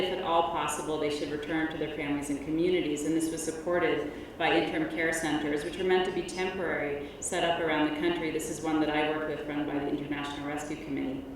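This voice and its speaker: A middle-aged female researcher gives a keynote at an academic conference, speaking loudly in a low, measured voice with frequent ums. She sits far from the microphone, so the large conference hall adds long echo and constant noise to the recording.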